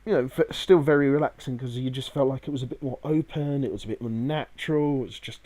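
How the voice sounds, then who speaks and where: A man co-hosts a casual podcast chat. He talks in a rambling, hesitant way, leaning on filler phrases as he goes. His pitch sits in the middle range for a man. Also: fast talker, warm tone. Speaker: podcast co-host. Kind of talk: casual chat about a day out.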